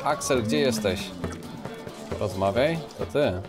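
A man in his thirties doing casual gameplay commentary. His mid-range voice moves around a lot in pitch, close to the mic with game music clearly behind. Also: animated, slow. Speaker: game streamer.

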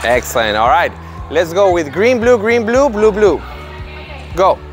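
A man's voice: high voice, very animated, unhurried, over music. Upbeat man coaching kids at tennis. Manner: upbeat and encouraging, calling out commands to children. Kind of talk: instructional video narration. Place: large indoor tennis court.

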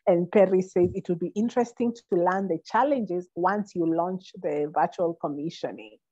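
A young woman moderates a webinar from a small room, thanking the guest and reading out the audience's comments. Her voice sits low and mellow, and the dry, dull call audio takes the sparkle off it. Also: moderate pace, dry recording. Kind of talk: closing remarks and reading comments. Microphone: phone or laptop on a video call.

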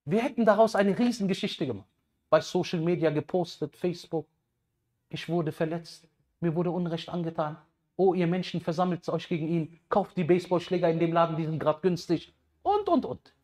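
A man in his thirties giving a lively sermon on a headset mic, swinging between loud bursts and quiet asides. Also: a little high, normal speed. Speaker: preacher.

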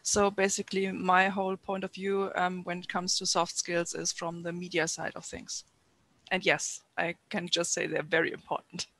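Media panelist from Germany; bright tone, plain delivery. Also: medium pitch, completely flat delivery, moderate pace, vocal fry.

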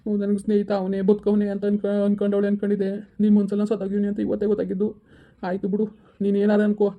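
A woman's voice: medium pitch, monotone, rapid-fire, phone-quality sound, natural voice. A woman playing a sad, devoted young male friend from the village in a family skit, speaking in a hurt, resigned way.

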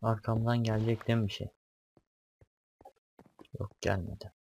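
A man's voice: lowish voice, flat delivery, moderate pace, vocal fry, a little mellow, slight background noise. A young man doing casual let's-play commentary, talking to himself as he explores, swearing and jumpy at scares. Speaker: gaming YouTuber.

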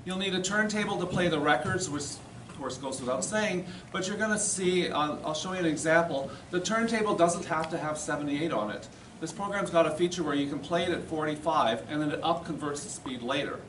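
The recording, made by a distant camera in an indoor lecture room or classroom, is roomy and noisy. In it a middle-aged presenter at a society meeting explains a demonstration informally and plainly, speaking briskly in a fairly bright voice on the high side.

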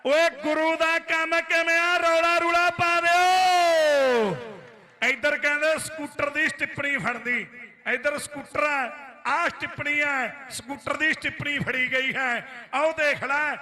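A man with an Indian Punjabi accent giving frantic, excitable live rural sports commentary, often repeating his phrases. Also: very high-pitched. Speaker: kabaddi match commentator. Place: live at a village kabaddi tournament.

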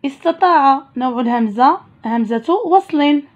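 A woman teaching a primary school Arabic lesson, explaining slowly step by step and asking questions. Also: high voice, lively intonation. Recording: dull lo-fi recording.

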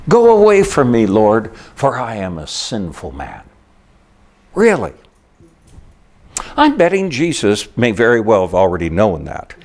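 Older priest preaching with lively pitch. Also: male voice. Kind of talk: sermon.

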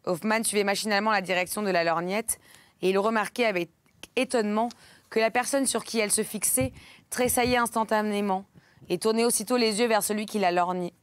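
Woman reading an old novel aloud, steady and measured, dry close sound. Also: mid-range voice, dry recording. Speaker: audiobook reader. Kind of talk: literary audiobook narration.

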